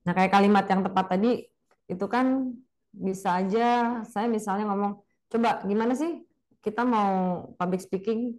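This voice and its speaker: Woman, casual webinar lecture, chatty, video call mic. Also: medium pitch. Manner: chatty and lively, demonstrates voices and intonation. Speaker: webinar speaker on public speaking.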